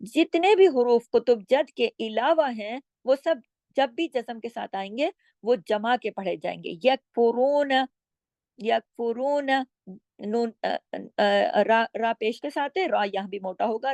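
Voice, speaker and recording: A woman teaching Quran recitation rules. She explains patiently, stretches each example word out slowly, and often checks in with her listeners. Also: fairly high pitch, darkish tone, no room sound. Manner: draws out words slowly when demonstrating. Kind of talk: recitation lesson with slow demonstrations.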